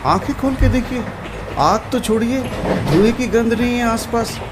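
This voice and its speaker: An actor playing a calm, sensible train ticket examiner in a horror audio drama. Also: male voice, very high voice, normal speed, very noisy. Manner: reassuring, then scared.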